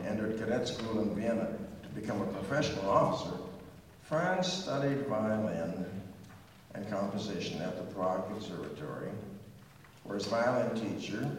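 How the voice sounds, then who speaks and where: In a pre-concert talk on music history, an older man rambles along chattily, making asides and humming bits of tunes. He speaks on the low side. The recording, with slight background noise, was made from a distance in a hall full of echo.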